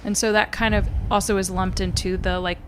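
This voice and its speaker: A woman's voice: mid-range voice, little pitch movement, fairly quick, a little hiss or hum. A woman hosting a podcast, asking questions in a friendly way and laughing easily. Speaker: podcast host. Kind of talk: conversational interview.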